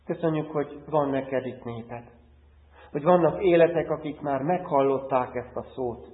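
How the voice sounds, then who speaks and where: A man pastor preaching and leading a prayer in a church, in an earnest, rhythmic preaching cadence. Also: a little high. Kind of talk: sermon and spoken prayer. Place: church hall. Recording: tinny phone-like sound with long church reverb.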